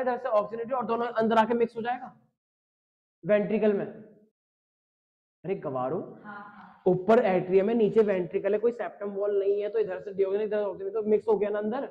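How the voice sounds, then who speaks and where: High-voiced joking male biology teacher. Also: fairly even intonation, quick pace. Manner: jokey, teasing, talks straight to students. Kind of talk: online class lecture reading chat questions. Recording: dull lo-fi stream audio.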